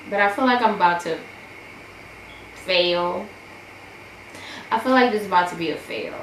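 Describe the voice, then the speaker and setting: A woman's voice: mid-range voice, fairly bright tone. A young woman vlogger, rambling casually and joking about herself as she does her makeup. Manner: chatty, self-deprecating, rambling with many fillers. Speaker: beauty vlogger. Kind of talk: casual get-ready-with-me chat. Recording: echoey room with background noise.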